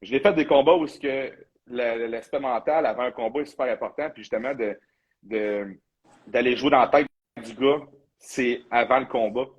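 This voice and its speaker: A man's voice: medium pitch, normal speed, breathy edge, dull audio. A man with a Quebec French accent, a bodybuilding coach hosting a casual live chat in a loose, talkative way, sprinkling in English slang.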